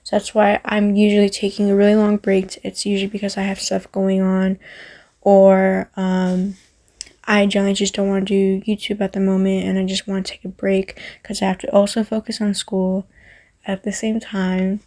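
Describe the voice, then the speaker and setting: Earnest woman with a gravelly, flat voice. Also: medium pitch, moderate pace. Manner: earnest, repeats herself for emphasis; rambling with many fillers. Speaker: Roblox YouTuber. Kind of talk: heartfelt message to viewers.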